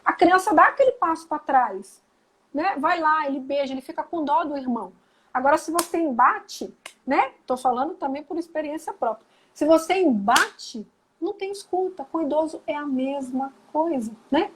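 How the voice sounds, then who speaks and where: On a live video call, a Brazilian psychologist guest chats casually in a high-pitched voice at normal speed, her Brazilian Portuguese accent clear. She's animated and acts out quoted lines as she explains. The audio is poor, with a little hiss or hum.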